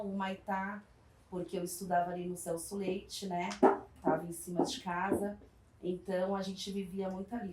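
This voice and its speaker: A woman in her 40s from São Paulo, Brazil, tells her life story in an interview, speaking in a mid-range voice with reflective pauses and small hesitations. She works on a community project, and her storytelling is warm and thoughtful, full of hesitations and tag questions. The echoey room, distant mic and faint background noise color the recording.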